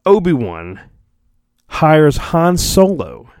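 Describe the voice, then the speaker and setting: Reading a storybook for his podcast, this man uses a fairly high, slightly mellow, sing-song voice and goes very slowly. His narration is mock-dramatic and theatrical, and he keeps drifting into sarcastic, rambling tangents.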